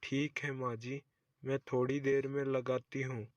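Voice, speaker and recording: A man's voice: mid-range voice, flat delivery, measured pace, no room sound, lo-fi sound, close to an everyday voice. A man voicing a dutiful young daughter-in-law. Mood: polite. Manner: polite and obliging.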